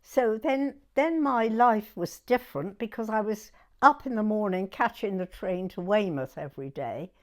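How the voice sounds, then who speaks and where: A Dorset woman in her nineties with a southern English accent reminisces informally as an oral history interviewee, chatty and halting, with plenty of "you know". Her voice sits at medium pitch and is expressive.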